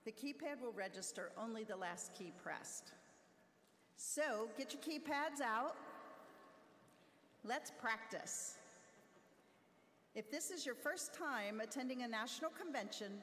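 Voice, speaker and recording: A middle-aged woman speaks at a podium mic in a large convention hall, upbeat and a little higher-pitched. Her voice rings with long hall reverb, and faint crowd noise sits behind it. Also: expressive, measured pace, long pauses, a bit bright. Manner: upbeat, laughs between instructions. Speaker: convention presenter. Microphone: podium microphone.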